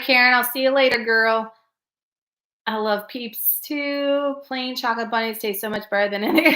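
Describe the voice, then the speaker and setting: Chatty bright-voiced woman. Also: fairly high pitch, echoey room. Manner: chatty, laughs often, talks straight to viewers. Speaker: livestream host reading chat. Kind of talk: casual live chat.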